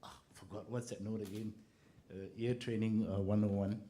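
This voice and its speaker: A man in his sixties, a composer on a panel, telling stories in a relaxed way and laughing often. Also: fairly low pitch, moderate pace. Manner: storytelling, laughing often, acts out quotes.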